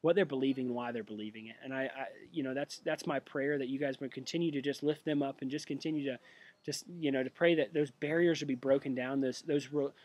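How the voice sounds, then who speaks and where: A young man who has been sick, giving an earnest, halting spoken update with many restarts. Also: mid-range voice, steady tone, a little mellow. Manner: earnest and prayerful. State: sick with a cough. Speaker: missionary giving a monthly update.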